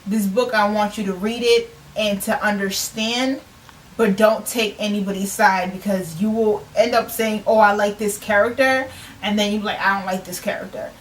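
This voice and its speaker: A woman's voice: mid-range voice, steady tone, normal speed, slight background noise. Earnest young woman, slightly distant mic. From United States. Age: 20s. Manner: earnest, reflective, repeats phrases for emphasis. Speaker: self-published author. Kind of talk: casual vlog talk.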